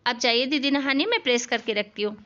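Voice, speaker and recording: A woman voicing a polite, patient young daughter-in-law in an animated family story, speaking softly and respectfully. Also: a little high, fast, dull audio. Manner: soft, respectful, soothing. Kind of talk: animated cartoon voice acting.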